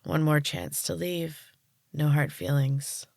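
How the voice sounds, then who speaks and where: A woman reading as a breathy, solemn tree-creature woman. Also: deep voice, fairly even intonation, slow, darkish tone, dry recording, studio quality, full character voice.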